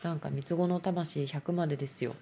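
Low-voiced chatty woman. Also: fairly even intonation, a little fast, creaky, warm tone, a little hiss or hum. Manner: rambling, chatty, self-mocking. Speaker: solo talk show host and dancer. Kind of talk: casual solo chat.

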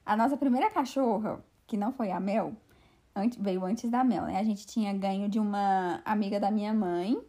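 A young woman co-hosting a casual podcast, relaxed, chiming in and adding details. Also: medium pitch, normal speed. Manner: relaxed, chimes in and adds details. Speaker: podcast co-host. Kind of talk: casual chat.

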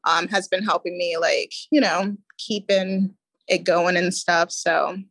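A woman's voice: lowish voice, steady tone, a little slow, a bit bright, dry recording. An American woman speaking casually as a guest on a podcast. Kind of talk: casual chat.

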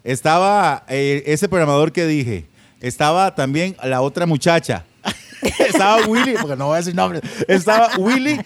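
A man with a Costa Rican accent, a former radio announcer, telling lively, laughing anecdotes full of slang and mimicking other people's voices. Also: a little high, moderate pace, no room sound. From Costa Rica. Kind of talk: casual storytelling chat.

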